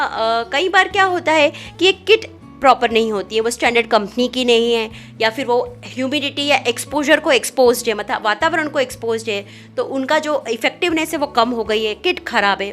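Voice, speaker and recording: A woman gynecologist explaining pregnancy testing in a calm, clinical manner, with small fillers as she talks. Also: sits high, normal speed, few pauses, faint music behind. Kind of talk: medical explainer conversation.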